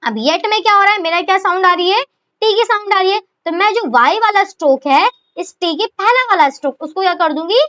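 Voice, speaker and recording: High-voiced woman teaching shorthand. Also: a little fast, a bit bright. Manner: asks herself questions and answers them, repeats "okay"; addresses students fondly as children. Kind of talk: explaining a lesson. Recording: dull lo-fi recording.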